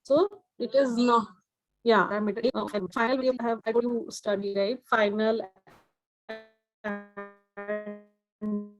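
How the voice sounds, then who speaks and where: A woman's voice: medium pitch, steady tone, takes it slowly, long pauses, soft background music, poor audio. A woman teaching an online programming class over a video call, her audio glitching and breaking up, explaining hesitantly with many fillers. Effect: glitchy, breaking-up internet call audio.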